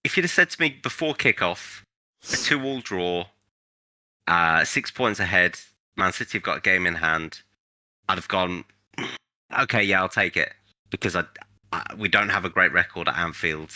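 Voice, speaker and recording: Deep, sharp-voiced football co-host. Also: male voice, normal speed, long pauses, no room sound. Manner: blunt, animated, swears and jokes. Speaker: podcast co-host. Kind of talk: casual football chat.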